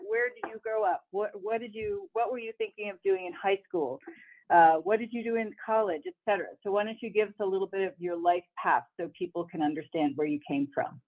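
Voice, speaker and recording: A woman co-hosting a podcast interview, asking questions in a conversational, rambling way. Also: mid-range voice. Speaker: podcast co-host. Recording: phone-like line.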